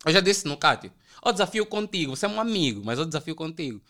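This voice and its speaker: A young man from Angola with an Angolan Portuguese accent, telling animated, slangy stories as a podcast guest. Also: on the high side, fast. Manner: animated, slangy, acts out quoted voices. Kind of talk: casual storytelling chat.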